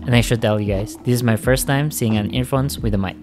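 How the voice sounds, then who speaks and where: A man's voice: mid-range voice, fast talker. Casual male tech reviewer over music. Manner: casual, friendly, addresses viewers directly. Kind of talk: product review narration. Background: background music.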